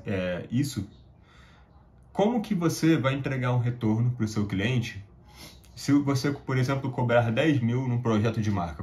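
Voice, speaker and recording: A young man in his twenties with a Brazilian accent gives casual advice straight to camera, pausing often and tacking little tag questions onto his sentences. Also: mid-range voice, a little mellow. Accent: Brazilian Portuguese. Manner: hesitant, full of tag questions and restarts. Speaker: YouTuber giving career advice. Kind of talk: casual talking-head advice.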